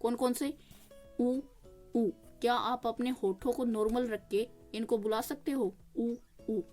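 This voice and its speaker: A woman teaching a grammar lesson, explaining step by step, checking in with the listener and sounding out vowels slowly. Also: a little high, a little mellow. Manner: explains step by step, often asking "ठीक है?". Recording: faint music behind the voice.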